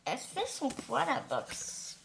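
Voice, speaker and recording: A craft unboxing vlogger chats casually and affectionately with viewers, gushing as she goes. Her high, gravelly voice swings hugely in pitch at a slow pace, and a slight lisp leaves her s sounds slushy after dental surgery. There is noticeable background noise.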